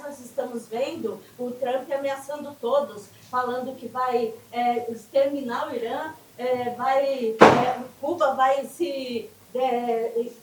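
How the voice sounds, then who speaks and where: Woman with a high voice giving a fired-up speech at a meeting, lots of "é, é", sounds far off in a big echoey hall. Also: slight background noise. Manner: hesitant with many fillers, rallying. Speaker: audience member speaking at a public meeting. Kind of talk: impassioned public speech.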